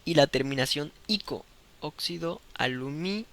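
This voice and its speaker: Guy explaining chemistry, patient, keeps asking if you follow, kinda gravelly voice. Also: a little high, expressive, moderate pace, fairly bright tone. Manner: patient, checks understanding with "¿de acuerdo?". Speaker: chemistry teacher. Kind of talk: explanatory online lesson.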